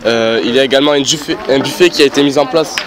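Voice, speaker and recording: A man's voice: medium pitch, very fast. A young man giving an outdoor event report as a student reporter, hesitant with many fillers.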